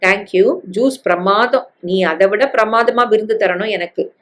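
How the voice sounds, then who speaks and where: A woman's voice: medium pitch, measured pace, close to an everyday voice. A woman voicing a smug, lecherous middle-aged male lawyer in a read-aloud story.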